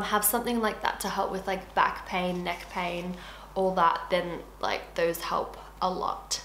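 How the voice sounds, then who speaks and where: A young woman in her twenties who's a beauty vlogger talks casually between bites, mouth full, in a medium-pitched, fairly bright voice. Echo and faint hiss color the recording.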